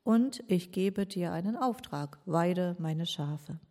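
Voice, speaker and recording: A woman voicing a gentle, forgiving male teacher who reassures a friend slowly and tenderly in a sermon. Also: medium pitch, lively intonation.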